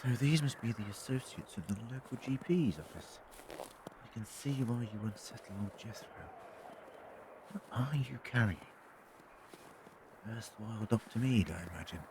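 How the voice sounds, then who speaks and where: A man playing a kindly, wry time-travelling doctor in an audio drama, speaking in measured, old-fashioned polite phrases. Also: mid-range voice, lively intonation, noisy background, close to an everyday voice. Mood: wry, calm.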